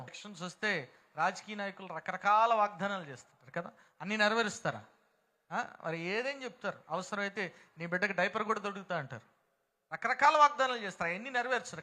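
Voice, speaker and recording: A man's voice: high voice, sharp tone. A man with a Telugu accent preaching a sermon in a prayer hall, emphatic and calling out to the congregation for responses. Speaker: pastor.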